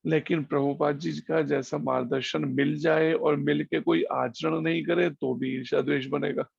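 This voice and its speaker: A man giving a slow, explanatory devotional scripture class over an online call, using homely examples. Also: fairly high pitch, steady tone, vocal fry, breathy edge, no echo, lo-fi sound. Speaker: preacher.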